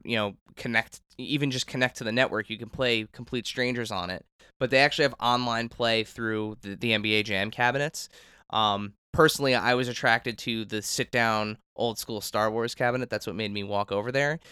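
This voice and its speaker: A man in his thirties, a host who is chatty and eager, with lots of fillers. His mid-pitched voice sounds dry and close to the mic. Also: bright, forceful tone, clear, resonant tone, no echo. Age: 30s. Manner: enthusiastic, chatty, many fillers. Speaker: host, reporter. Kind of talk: casual recap and interview.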